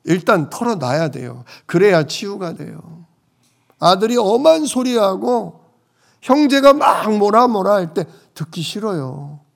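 A male pastor delivers a sermon in a notably high voice. He swings between loud, emphatic declarations and soft, hushed asides, and voices the complaints of troubled people as he quotes them. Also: sing-song, unhurried, vocal fry.

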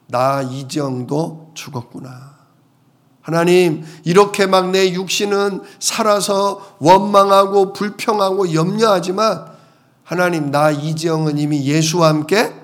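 A middle-aged male pastor preaching a sermon with earnest repetition and rhetorical questions. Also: fairly high pitch.

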